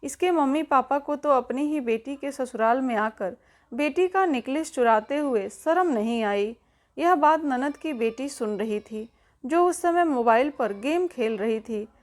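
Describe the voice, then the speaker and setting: Female storyteller, high voice, scripted narration of a family tale, reads evenly and voices the characters herself. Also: lively intonation, a little slow.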